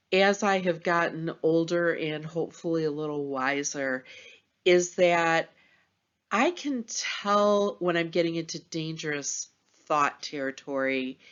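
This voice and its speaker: A middle-aged woman with a low voice gives a gentle motivational pep talk. She speaks slowly and deliberately, reassuring and encouraging her listeners with measured pauses. The recording is slightly dull and lo-fi. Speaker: teacher addressing students at semester's end.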